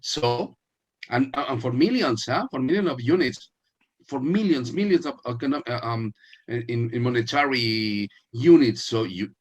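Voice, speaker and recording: A man from Mexico, hosting an interview and talking in a halting way with many restarts. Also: mid-range voice, slightly rough. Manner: halting, many restarts, lively laughing emphasis. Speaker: host. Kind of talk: casual video-call interview.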